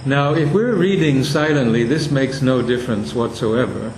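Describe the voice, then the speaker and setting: A man lecturing a class on poetic meter, speaking slowly and deliberately and reading verse lines aloud to show where the stresses fall. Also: medium pitch, a little mellow, roomy sound, a little hiss or hum, poor audio.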